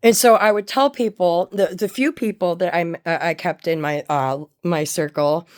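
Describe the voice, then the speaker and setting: A woman with a slightly low-pitched voice tells a personal story straight to the listener. She speaks candidly and bluntly, swearing freely. Her delivery is halting, with stops to find the next word. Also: a little mellow.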